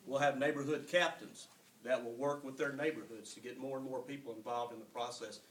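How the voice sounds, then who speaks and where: A man, a political candidate giving an earnest, measured, businesslike campaign speech. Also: mid-range voice, fairly even intonation, fairly bright tone, far from the mic. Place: large room at a public forum. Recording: echoey hall, picked up from afar, faint noise.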